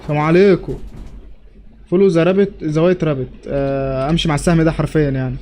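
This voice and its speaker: A man's voice: a little high, steady tone, racing, dark tone, a little hiss or hum. A young man with an Egyptian Arabic accent, commenting on his game playthrough in a jokey way and talking back to the characters. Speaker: gamer. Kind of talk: let's play commentary.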